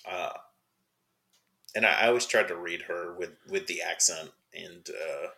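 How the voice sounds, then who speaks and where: A man's voice: low voice, unhurried, vocal fry, pushed and bright. A man co-hosting a podcast, chatting casually about comics in a laid-back, agreeable way. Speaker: podcast co-host. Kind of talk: casual comic book chat.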